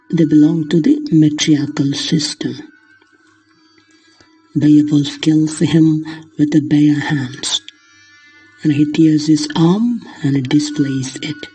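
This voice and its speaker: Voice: mid-range voice, dark tone, husky, low-quality recording. A lecturer explaining literature in the manner of a lesson, glossing terms in simple words along the way.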